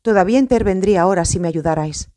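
Woman voicing a forceful scheming apostle man, storybook reading, mellow tone. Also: fairly low pitch, fast talker, natural voice. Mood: urgent. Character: bold, scheming adult male apostle.

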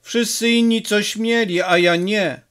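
A man's voice: sits high, fairly even intonation, unhurried, fairly bright tone, clean tone, pitched above the performer's own voice. A man voicing a stubborn hurt little boy. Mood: stubborn, plaintive. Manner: pleading, insistent. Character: six-year-old boy, stubborn and hurt.

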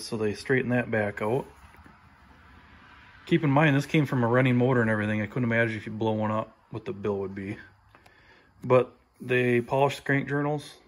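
A man giving a relaxed, plain-spoken update while filming his own project in a home garage on a handheld phone. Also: medium pitch. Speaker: tractor restoration vlogger. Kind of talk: casual workshop update. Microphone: handheld phone camera, filming while talking.

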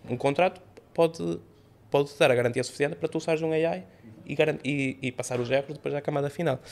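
Seated in a sofa-furnished podcast studio, an AI company CEO in his thirties answers interview questions conversationally into a studio mic on a boom arm. His voice sits in the mid range, and Portuguese isn't his first language. He's animated, using both hands to gesture while he explains.

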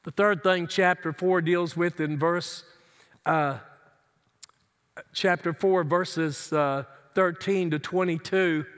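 Seated in a large church sanctuary, a middle-aged male pastor delivers an earnest, emphatic sermon with wide hand gestures. His high, bright, clean voice holds steady and moves slowly, and the hall adds a long reverb.

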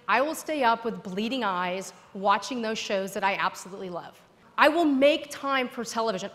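A woman's voice: fairly high pitch, fairly bright tone. A woman in her thirties giving a persuasive conference keynote on a large stage, speaking emphatically with rhetorical repetition. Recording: long hall reverb.

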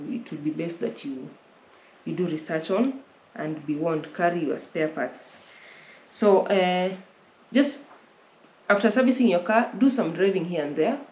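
On a sofa indoors, a young Kenyan travel vlogger answers questions with casual travel advice, frequently repeating and rewording her explanations. Her voice is fairly low with a darkish tone, and the room sounds roomy with faint noise.

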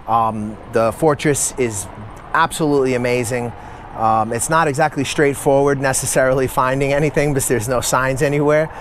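A man's voice: medium pitch, slight background noise. Chatty male travel vlogger outdoors. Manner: chatty, thinking aloud with fillers. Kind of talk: casual walking vlog to camera. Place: outdoors at a hilltop fortress in a city.

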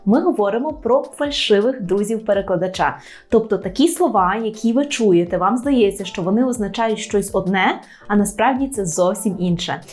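Female language teacher, patient and clear, mid-range voice, soft music bed. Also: medium pitch. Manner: clear, patient explaining with slow, careful demonstration of words. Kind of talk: online language lesson.

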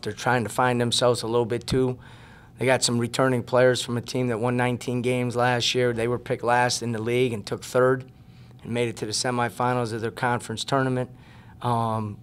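Man in his forties, basketball coach, earnest emphatic postgame answers, repeats words, table mic in a press room. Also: mid-range voice. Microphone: table mic on a stand.

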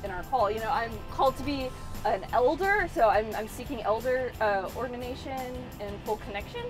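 A woman's voice: on the high side, expressive, fairly quick. Young woman, pastor, casual chat, fillers and restarts, lapel mic, inside a van, music underneath. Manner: chatty, many fillers and restarts.

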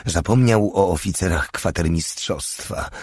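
Slow, deep-voiced male audiobook narrator. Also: a little mellow, husky, no echo, clean studio sound. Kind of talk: scripted narration.

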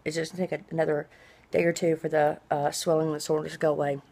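A middle-aged woman races through a casual vlog from a small room at home, her low voice creaky yet mellow and her delivery flat. She rambles as if updating a video diary, drawing out hissy s sounds.

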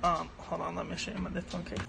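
A woman's voice: on the low side, level tone, quick pace, creaky, fairly bright tone, low-quality recording. A young woman filming a casual home vlog on her phone, talking in a wry, joking, offhand way. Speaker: vlogger. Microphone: phone held by hand. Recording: phone recording with noise.

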